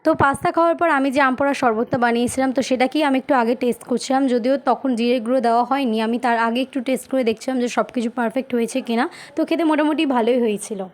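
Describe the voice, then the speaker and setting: A hoarse young woman talks through her day in a relaxed vlog voice-over. She speaks quickly in a fairly high voice, with faint background noise behind her. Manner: chatty, recounting her day. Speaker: vlogger.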